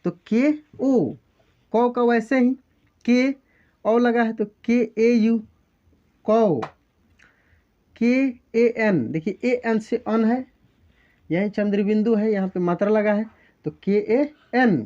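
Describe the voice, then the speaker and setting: A man's voice: sits high, takes it slowly, pauses often, dark tone. A man teaching a spelling lesson, patiently breaking words into sounds step by step. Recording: dull lo-fi sound.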